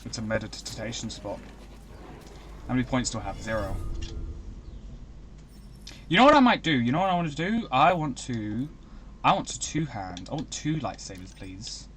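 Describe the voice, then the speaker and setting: A young man chatting casually as he streams a video game, rambling and breaking into excited outbursts. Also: medium pitch, moderate pace, pauses often, a little hiss or hum. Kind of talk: casual live-stream commentary.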